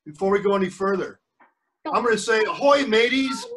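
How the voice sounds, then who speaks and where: A fast-talking grandfather with a high, fairly bright voice reads a book aloud to children during a video call with screen sharing. He often pauses for chatty asides, explaining terms and checking that they understand.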